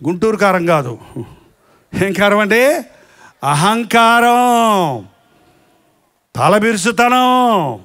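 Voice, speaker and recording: Male pastor, live sermon, very high pitch, rhetorical and mocking. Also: lively intonation, fairly bright tone. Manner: rhetorical questions to the congregation, with mocking asides; slow, emphatic listing of sins.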